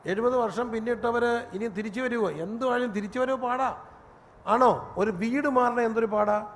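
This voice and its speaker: High-voiced preacher in a reverberant hall. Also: male voice, normal speed. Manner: animated storytelling, rising to a shout. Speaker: pastor. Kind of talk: sermon. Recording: long reverb, faint room noise.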